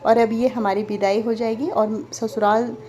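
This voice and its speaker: A woman in her forties from Delhi, India, vlogs casually over old home video footage, chatty and speaking straight to her viewers with questions. Her voice is on the high side, warm and level, at a measured pace, with soft background music.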